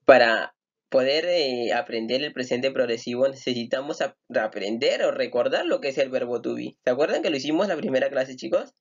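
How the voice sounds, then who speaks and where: A man's voice: mid-range voice, expressive, fairly quick, dull audio. A man teaching an English grammar lesson, patiently repeating words and asking rhetorical questions. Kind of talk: recorded online grammar lesson.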